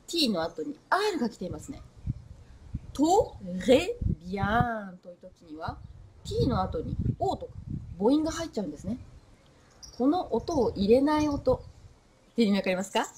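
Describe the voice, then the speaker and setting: A woman giving a short French pronunciation lesson, modelling sounds slowly and repeating them with lively emphasis. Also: on the high side, a little hiss or hum. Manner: lively, drawn-out pronunciation demos. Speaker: French teacher.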